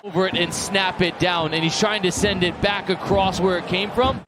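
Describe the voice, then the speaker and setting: A man's voice: sits high, fairly even intonation, moderate pace. A man working as a color commentator, explaining soccer replays in an emphatic way. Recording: loud stadium crowd noise behind. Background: loud stadium crowd.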